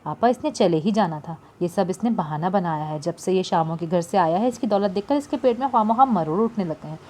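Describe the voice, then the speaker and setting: A woman's voice: fairly low pitch, expressive, a little fast, warm tone, a little hiss or hum, lightly acted. A woman voicing a loyal, blunt-talking companion who consoles her friend in an audiobook. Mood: consoling.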